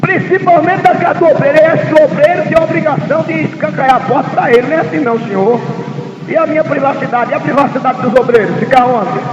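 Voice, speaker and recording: A man preaching a sermon as pastor, telling stories with dramatic shouted peaks. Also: very high voice. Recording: echoey hall, lo-fi 1990s recording, noisy.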